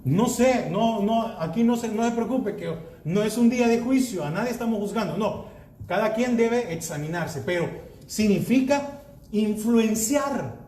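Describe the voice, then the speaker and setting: A man's voice: sits high, normal speed, mellow, echoey room, slight background noise. A man pastor preaching a sermon, reading verses aloud and asking the congregation rhetorical questions.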